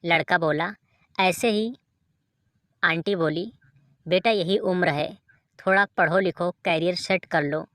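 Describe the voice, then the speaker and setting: A woman reading short jokes aloud in an even storytelling delivery, as a dry close voice-over. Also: on the low side, measured pace, dry recording. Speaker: joke reader.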